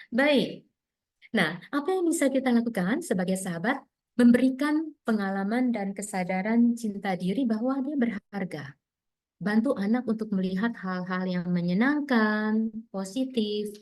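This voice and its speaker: A woman speaking to teachers in a webinar, gentle and encouraging, explaining with many examples and acted-out dialogues. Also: mid-range voice. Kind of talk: webinar talk.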